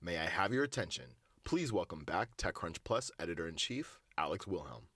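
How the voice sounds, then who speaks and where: A man making a formal stage announcement, heard through the venue's loudspeakers in a conference hall. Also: low-pitched, big pitch swings, brisk, clean studio sound. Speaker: event announcer.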